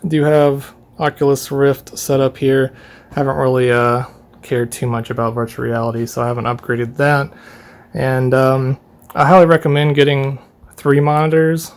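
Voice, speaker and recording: A young man talks through a tour of his own bedroom at a middle pitch. His speech is relaxed and rambling, with plenty of "uh"s and small laughs, like he's filming an unscripted walkthrough. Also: moderate pace, clean tone. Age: young adult. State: running out of breath. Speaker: YouTuber giving a room tour. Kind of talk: casual room tour vlog.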